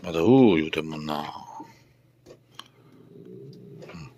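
A man's voice: extremely low pitch, expressive, measured pace, a little hiss or hum. A man with a Kansai Japanese accent, talking casually and coaxingly to a fierce shelter cat as he films it indoors. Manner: soft, coaxing murmurs to the cat. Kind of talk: casual talk to a cat while filming.

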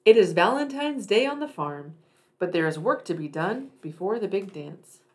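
Reading a picture book to young children, this storyteller speaks with expressive, dramatic emphasis. She has a mid-range, somewhat dark voice and talks at a normal speed.

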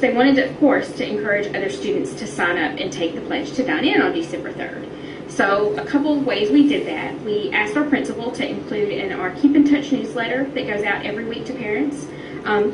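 With a mid-range voice, lively intonation, and a fairly quick pace, a female middle school teacher gives interview answers explaining things. The clip is replayed on a classroom projection screen and re-recorded, sounding far off and echoey over room noise.

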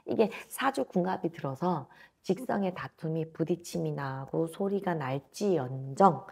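A fortune teller, a woman in her thirties, speaks to a client bluntly and emphatically, talking down to them in an informal way. Her low, husky voice is warm and animated with vocal fry, unhurried, and recorded on a lapel mic in a small indoor office.

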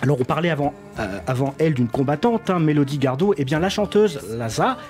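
A man tells an artist's life story on the radio, leaning on a habitual "hein" as he goes. His voice sits a little high for a man. Soft music plays under him. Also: animated, a little fast. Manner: frequent filler "hein", storytelling delivery. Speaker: radio columnist. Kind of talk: scripted radio segment.

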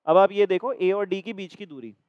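A man with a Hindi accent explains exam questions to a class, step by step. His voice is high and smooth. The recording is dry and slightly dull. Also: moderate pace, dry recording. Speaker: reasoning teacher.

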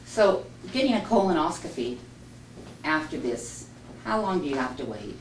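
Chatty low-voiced woman in her fifties. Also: big pitch swings, normal speed. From Montana. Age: 50s. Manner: chatty, laughs easily. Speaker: patient. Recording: roomy, distant, noisy room sound.

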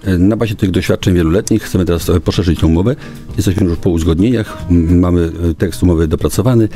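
A local government official, a middle-aged man with a very deep, dark voice, answers formally as a guest in a small radio studio, speaking into a studio boom microphone. His speech is halting: he pauses often and draws out his hesitations, with faint music playing in the background.

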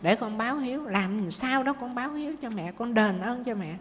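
A woman's voice: fairly high pitch, expressive, moderate pace, voice pushed up, natural voice. A woman voicing an earnest, insistent son of about thirty who wants to repay his mother. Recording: faint noise, long hall reverb.

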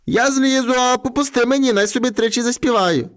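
A man's voice: very high-pitched, fairly quick, a bit bright, clear, resonant tone, voice pushed up. A man voicing a polite, earnest young shepherd lad in a read-aloud fairy tale.

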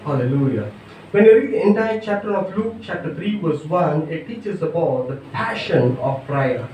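A man's voice: a little high, lively intonation, moderate pace, darkish tone. A man in his thirties preaching a sermon from a church pulpit, emphatic, often calling out hallelujah. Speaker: pastor. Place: large church stage at a pulpit. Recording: echoey church hall, far from mic, faint noise.

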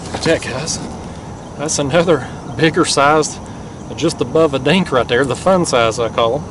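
Excited man fishing from a kayak. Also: on the high side, normal speed, noisy background. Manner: excited, laughs often, folksy. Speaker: fishing vlogger. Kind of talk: casual outdoor fishing commentary. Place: kayak on a river outdoors. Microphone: action camera mounted on the kayak.

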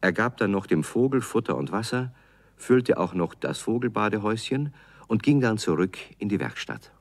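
Deep-voiced male storybook narrator. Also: gravelly, no echo. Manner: calm, measured storytelling.

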